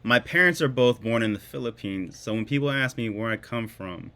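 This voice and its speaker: A man's voice: mid-range voice, a little fast, bright, forceful tone. Guy from hawaii chatting, jokey storyteller, laughs a bunch, mid voice. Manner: jokey, laughs a lot while telling stories. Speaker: guest. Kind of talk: casual storytelling.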